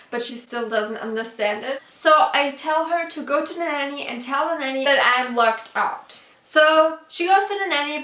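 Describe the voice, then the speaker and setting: A woman telling a childhood story to camera in a chatty, laughing way, pausing to check her own pronunciation. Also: high voice, fairly bright tone. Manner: chatty, laughs often between sentences. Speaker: vlogger. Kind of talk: storytime vlog. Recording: roomy echo from a distance.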